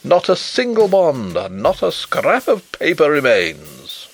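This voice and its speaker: A man voicing a pompous, irate elderly professor who booms his indignant demands. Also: wildly swooping pitch, slow pace, faint music behind, heavily acted. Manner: booming, indignant.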